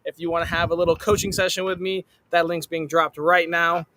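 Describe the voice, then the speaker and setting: A man hosting a podcast, reading sponsor shout-outs in an upbeat, emphatic way. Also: fairly high pitch, level tone, fairly quick, dry recording. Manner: upbeat, emphatic announcer delivery. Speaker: podcast host.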